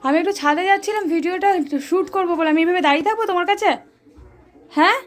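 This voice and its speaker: A woman's voice: very high voice, racing. A woman vlogging at home, talking in coaxing sing-song baby talk to a pet. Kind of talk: casual home vlog chat. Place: home indoors. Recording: noisy home recording.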